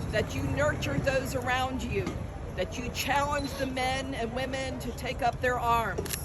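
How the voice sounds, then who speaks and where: Very high-voiced man giving solemn ceremonial tribute. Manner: earnest, solemn. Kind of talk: formal ceremonial speech. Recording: noisy outdoor recording, car rumble.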